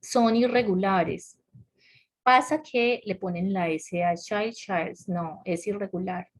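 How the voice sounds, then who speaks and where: Taking it slowly, an English teacher walks her online class through grammar in a patient, relaxed way. She pauses often to check on her students, asks them questions, and laughs lightly, her ordinary mid-range voice captured by a computer mic during a video call.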